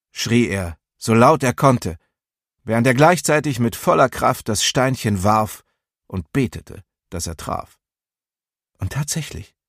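A man reading a story aloud as an audiobook narrator, calm and measured with dramatic lift in tense moments. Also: medium pitch, no echo, clean studio sound.

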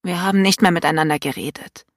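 A woman reading an audiobook, voicing a sick, sulky young woman with a croaky, whiny voice. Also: fairly low pitch, fast, dry recording, studio quality, lightly acted. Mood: defiant. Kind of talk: audiobook character voice.

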